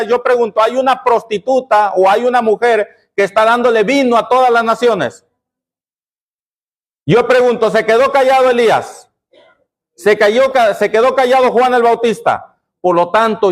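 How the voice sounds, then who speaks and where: A man pastor preaching a sermon, constantly asking the congregation questions and answering them himself. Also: extremely high pitch. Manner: call-and-response questioning of the congregation.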